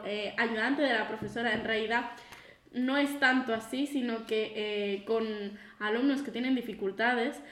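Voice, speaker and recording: A woman's voice: a little high, fairly bright tone. Laughing woman, echoey room. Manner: laughs often, chatty. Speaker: podcast co-host. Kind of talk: casual chat. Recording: roomy echo.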